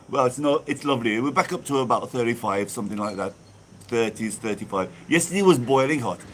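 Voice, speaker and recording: A man from England hosts a chatty outdoor live stream, phone held before him and a church in view behind. He reads out comments in a bubbly manner. His voice is medium-pitched and expressive and runs a little fast, with slight background noise.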